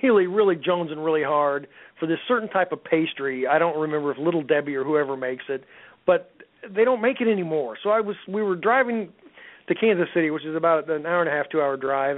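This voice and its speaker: A middle-aged man telling rambling stories as a guest in a casual radio chat, with many restarts. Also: fairly high pitch. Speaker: guest author. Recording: phone-like radio line.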